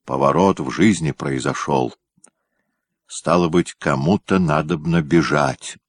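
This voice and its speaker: A man reading a historical story aloud in a measured, unhurried way. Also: rumbling low, no room sound. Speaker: narrator. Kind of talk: audiobook narration.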